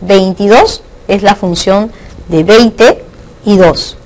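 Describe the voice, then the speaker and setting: A patient woman from Peru teaches a recorded grammar lesson. Her voice sits at an ordinary pitch for a woman. She explains the rules step by step and keeps checking in with the class. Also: slow, darkish tone, rough recording. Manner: patient, asks rhetorical questions and checks in with "¿no?" and "¿ya?". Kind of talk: online lesson on Spanish accent marks.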